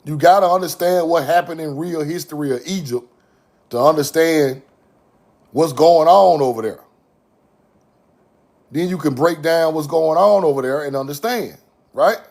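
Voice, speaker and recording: A man's voice: a little high, normal speed, creaky, pauses often, darkish tone. A young man from Mississippi, talking casually and emphatically to his chat audience with repeated catchphrases. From Mississippi, USA. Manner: repetitive catchphrases, preachy and emphatic. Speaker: online video host.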